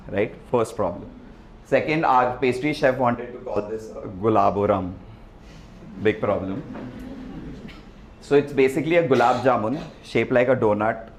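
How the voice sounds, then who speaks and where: A man giving a relaxed, chatty presentation to an audience, often asking "right?". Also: mid-range voice, slight background noise. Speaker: restaurant founder giving a talk. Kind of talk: presentation with slides. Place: event hall with an audience. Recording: echoey hall, faint ambience.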